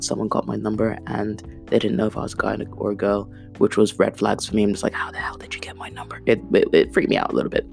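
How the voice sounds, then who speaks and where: A Kenyan woman in her thirties, whose first language is Swahili, hosts an unplanned podcast in an extremely low, creaky, somewhat mellow voice. Her casual monologue is rambling, chatty, and self-deprecating, packed with fillers.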